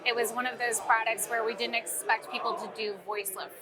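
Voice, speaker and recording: Brisk and flat in delivery, this slightly high-pitched woman from St. Louis, US, chats informally about a product while being interviewed. The low-quality recording picks up the noise of a crowded sales meeting around her.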